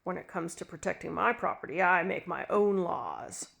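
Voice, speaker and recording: A woman's voice: lowish voice, lively intonation, normal speed, gravelly, a bit bright, exaggerated voice. A woman voicing a ruthless, harshly growling husband. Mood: cold. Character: ruthless cold middle-aged husband.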